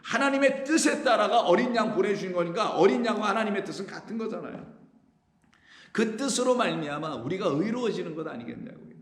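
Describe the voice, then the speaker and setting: A man preaching a sermon in a fairly high voice, earnest and drawn out on the phrases he stresses. His voice rings through a big church room with a long, lingering reverb. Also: animated. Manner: earnest preaching, rising and slowing on key phrases. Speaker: pastor. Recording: echoey church hall.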